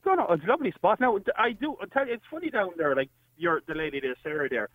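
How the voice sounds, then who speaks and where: A man's voice: sits high, expressive, quick pace, no echo. An Irish man chatting casually as a caller to a radio phone-in over a telephone. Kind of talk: casual chat. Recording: thin band-limited phone line.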